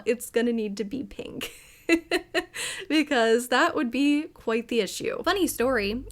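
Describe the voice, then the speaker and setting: Excitable and seemingly over-caffeinated, a young woman with a fairly high voice talks her way through a game build for her gaming video. Her commentary is casual and rambling, drifting between thoughts and dotted with giggles.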